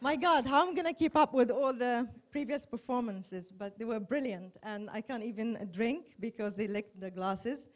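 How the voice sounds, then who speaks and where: A woman's voice: on the high side, normal speed, hardly any pauses. Woman doing self-mocking stand-up. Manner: chatty, self-mocking, laughing at herself. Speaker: comedy contestant. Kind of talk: stand-up comedy. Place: conference hall on stage.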